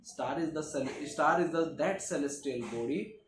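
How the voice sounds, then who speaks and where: A man's voice: a little high, moderate pace. Man, teacher, classroom lecture, "okay" and "uh" fillers, echoey room, faint hiss. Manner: frequent "okay" and "uh" fillers, repetitive explaining.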